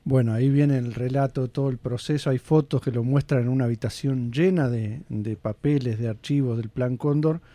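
A man, a radio host commenting in a relaxed way, with many fillers. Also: mid-range voice, moderate pace, hardly any pauses, dry recording.

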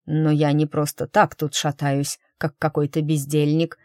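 A woman's voice: low voice, completely flat delivery, unhurried, a little mellow, no room sound, clean studio sound. A woman reading an audiobook voices an awkward young man, a court clerk who talks in a stiff, flustered way.

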